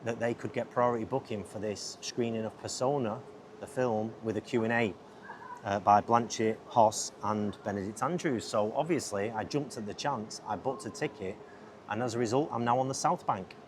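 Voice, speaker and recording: A man's voice: on the low side, normal speed. A man hosting a podcast in a casual, rambling, easily distracted way, recorded outdoors on a lapel mic. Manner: easily distracted, chatty, self-interrupting. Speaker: podcast host and filmmaker. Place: outdoors on a busy city riverside. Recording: outdoor lapel mic with loud surrounding noise. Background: loud outdoor ambience.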